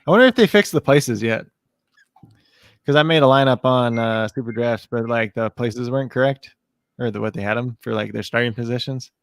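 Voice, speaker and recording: Man from illinois, gravelly voice, dry close sound, easygoing fantasy sports chat. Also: medium pitch, fairly quick, no room sound. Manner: relaxed, chatty, trailing off mid-sentence. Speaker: fantasy sports podcast co-host. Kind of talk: casual chat.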